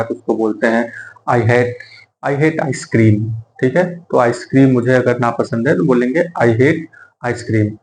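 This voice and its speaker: A male teacher gives a vocabulary lesson at a very unhurried pace, breaking words into pieces and repeating them. His voice bounces around an echoey room, with a faint hiss of noise underneath. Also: mid-range voice, a little mellow. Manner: slow, repeats words and spells them out letter by letter; checks in with "okay?" after each point.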